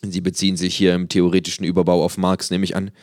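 A man playing a booming, pompous art critic. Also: completely flat delivery, fast talker, a little mellow, no echo, studio quality. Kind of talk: audiobook character voice.

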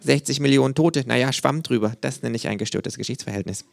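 A man's voice: mid-range voice, fast, creaky, pitched above the performer's own voice, close to an everyday voice. A man voicing a sarcastic know-it-all kangaroo who lectures drily, like a doctor giving a diagnosis. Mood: lecturing.

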